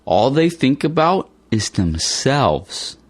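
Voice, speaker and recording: A man's voice: medium pitch, very animated, takes it slowly, slightly rough, no room sound. A man reading everyday dialogues aloud for English learners with a plain, careful delivery. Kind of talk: slow scripted dialogue reading.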